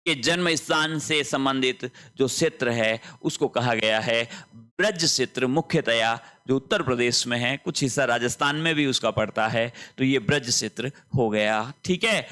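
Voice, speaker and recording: Slow, lively man teaching spelling. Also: medium pitch. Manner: explains slowly, repeats words, checks understanding. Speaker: Hindi teacher. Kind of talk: online exam-prep lesson.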